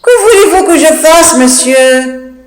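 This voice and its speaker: A teacher reading aloud as a cheeky young maid who keeps laughing, slow and in an echoey room. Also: high voice, animated, a little hiss or hum, voice pushed up. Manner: giggling, cheeky. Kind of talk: classroom reading of a classic comedy.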